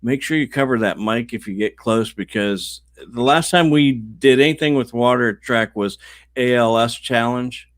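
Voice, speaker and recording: A man's voice: mid-range voice, normal speed, no echo. A man co-hosting a racetrack show in casual chat, teasing his partner with brief dry remarks. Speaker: racetrack co-host.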